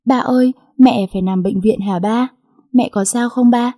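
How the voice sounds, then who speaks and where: A woman's voice: a little high, normal speed, mellow, close to an everyday voice. A woman voicing a sweet, affectionate ten-year-old girl in a storybook reading, with an eager, childlike manner. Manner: eager, tearful when frightened.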